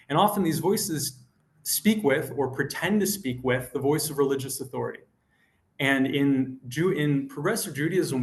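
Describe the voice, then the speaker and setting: A man's voice: mid-range voice, roomy sound. A man who is a rabbinical student gives an earnest, emphatic panel talk with some restarts.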